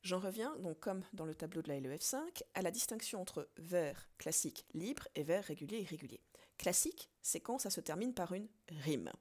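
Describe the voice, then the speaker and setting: A woman teacher walks through a recorded lesson step by step. Her voice sits a little low and swings widely in pitch as she slows down to count out syllables. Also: expressive, a little mellow. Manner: explains step by step and counts syllables slowly aloud. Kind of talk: recorded French lesson on poetry.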